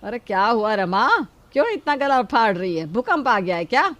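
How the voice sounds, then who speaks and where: A woman voicing a protective, soft-hearted older mother-in-law in a cartoon, scolding gently and coaxing. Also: a little high, expressive, normal speed. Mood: fond. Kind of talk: cartoon voice acting.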